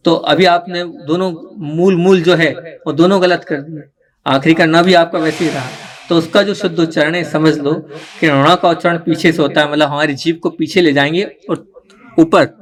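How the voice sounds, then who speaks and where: A man teaching a gathered group, explaining step by step and often checking that his listeners follow. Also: a little high. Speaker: teacher of religious recitation. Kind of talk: live teaching talk to a group.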